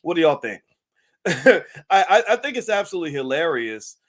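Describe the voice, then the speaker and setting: A man's voice: fairly high pitch, big pitch swings, moderate pace. A man hosting his own channel, talking casually to viewers, chatty and amused, with many restarts and questions to the audience. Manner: chatty, laughing, lots of restarts and asides to viewers. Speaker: channel host. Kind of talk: casual talk-show commentary.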